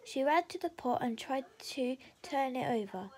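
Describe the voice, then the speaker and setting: A woman reading a children's bedtime story aloud in a soft, hushed voice. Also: sits high, animated, normal speed, a little hiss or hum.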